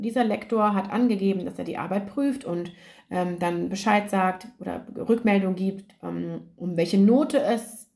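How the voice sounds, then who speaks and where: With a medium pitch and a darkish tone, this writing coach speaks casually on her solo academic podcast, sprinkling in plenty of fillers. A slight hoarseness colors her throat.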